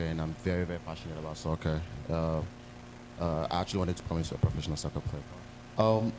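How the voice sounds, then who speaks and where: A young man from Cameroon talks on a panel in a low voice, hesitating with lots of fillers. The recording carries clear background noise. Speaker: panelist, content creator. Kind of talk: panel discussion. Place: church event hall. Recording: noisy event recording.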